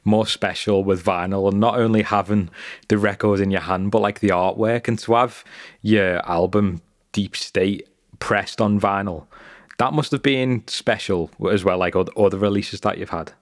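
Low-voiced podcast host. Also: male voice, fairly even intonation, moderate pace, dry recording, studio quality. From Liverpool, England. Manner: long, winding questions full of "like" and "kind of". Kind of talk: podcast interview.

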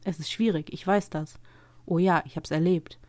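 A woman voicing a calm, reassuring man from a dream who urges the listener on. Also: lowish voice, normal speed, no echo, close to an everyday voice. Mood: encouraging. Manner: warm, reassuring.

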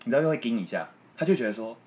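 A young man, co-hosting a podcast as casual chat in a camping tent, animated and joking. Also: mid-range voice, rapid-fire. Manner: animated, joking, retells quarrels. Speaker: podcast co-host.

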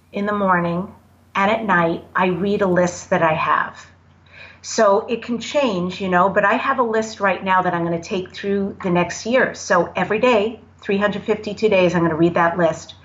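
A woman's voice: mid-range voice, a bit bright. Woman, reflective, encouraging, short phrases, slightly muffled remote sound. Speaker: podcast guest. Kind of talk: casual conversation.

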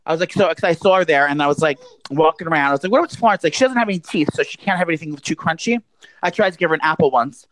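A woman's voice: sits low, racing, poor audio. A woman hosting a podcast from her apartment, chatting casually in a rambling way full of fillers and a bit out of breath. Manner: rambling, filler-heavy storytelling. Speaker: podcast host. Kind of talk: casual chat.

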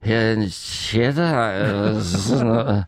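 A man voicing a drunk talking cheese, speaking slowly and in a muddled, slurring way. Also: on the low side, dry recording, lightly acted. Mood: befuddled.

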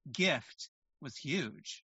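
A man hosts a podcast interview with a bright, crisp-edged voice. He reflects back what his guest says and asks questions in an affirming, encouraging way. The sound is dry and a little muffled. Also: a little high, lively intonation, extremely slow, dry recording. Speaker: podcast host.

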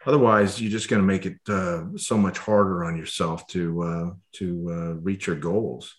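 Male host, lowish voice, earnest coaching tone, halting with fillers. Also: steady tone. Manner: earnest advice with many fillers. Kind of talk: casual chat.

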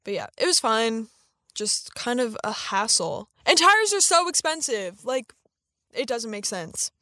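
A woman's voice: on the high side, very animated, a little slow, sharp tone, no echo. Chatty teenage girl, dry room. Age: teens. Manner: chatty, sarcastic, lots of "like". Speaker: influencer. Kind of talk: casual chat.

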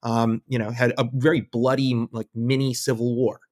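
A man's voice: medium pitch, little pitch movement, normal speed, a little mellow, no room sound, clean studio sound. A man as a guest analyst in a conversational podcast interview, thinking aloud with wry asides. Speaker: guest analyst on militia groups.

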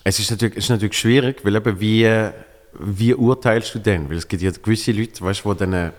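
A man in his thirties with a Swiss German accent tells a story in casual chat, rambling with many restarts and fillers. His voice is lowish and brisk, and the room is reverberant.

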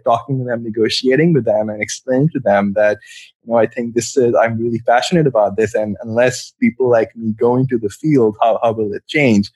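A man's voice: medium pitch, no echo. A man from Pakistan, a psychiatrist answering interview questions in a thoughtful way, with many fillers and restarts. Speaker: psychiatrist guest.

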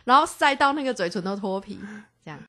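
A young woman with a Taiwanese Mandarin accent, co-hosting a podcast and telling a story in an animated, chatty way with many restarts. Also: a little high, fast talker, over loud music. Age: young adult. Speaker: podcast co-host. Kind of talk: casual storytelling chat.

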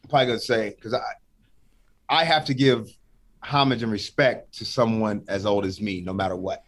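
A man's voice: on the low side, steady tone, normal speed, a bit bright. A middle-aged man talking earnestly and emotionally as a guest in a casual podcast chat.

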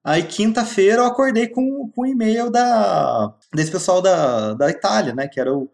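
A man's voice: high-pitched, moderate pace, gravelly. A man in his thirties, a postdoc guest, chatting casually in a podcast and telling stories with laughter. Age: 30s. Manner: animated storytelling with laughs. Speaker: guest researcher.

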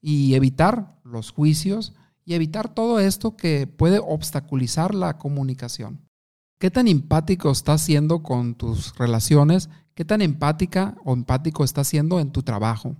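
A man's voice: a little high, lively intonation, normal speed, dark tone. A man giving an instructive talk on communication, asking the listener questions and telling short anecdotes. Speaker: communication coach.

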